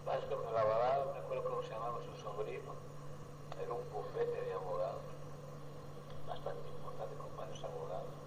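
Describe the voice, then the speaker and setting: An older man from El Salvador, recounting his life in a rambling, halting way and acting out dialogue. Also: on the low side. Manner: rambling, halting with many restarts, acts out dialogue. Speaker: interviewee. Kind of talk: oral history storytelling. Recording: roomy with noticeable background noise.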